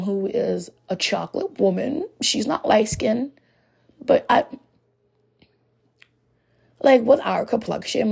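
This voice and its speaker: A young woman hosting a podcast, talking frankly and rambling in a casual monologue while hoarse from losing her voice. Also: medium pitch, dark tone. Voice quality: gravelly and raspy. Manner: rambling, frank, heavy on "like" fillers. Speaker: podcast host.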